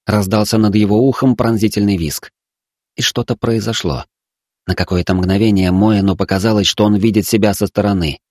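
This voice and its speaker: A man reading a story aloud in an even storytelling manner. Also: fairly low pitch, fairly quick, no echo, studio quality. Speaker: narrator. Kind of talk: audiobook reading.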